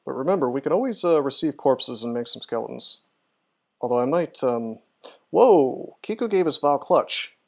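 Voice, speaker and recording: With lively intonation and a gravelly, medium-pitched voice, a man casually commentates on a game he's streaming. He talks through his moves at a moderate pace, thinking aloud and fielding questions from chat.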